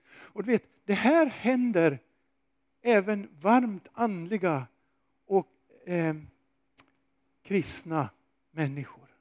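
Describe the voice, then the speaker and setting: Animated male preacher, dry close sound. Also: sits high, dry recording, muffled recording. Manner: animated storytelling, rhetorical questions. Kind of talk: sermon.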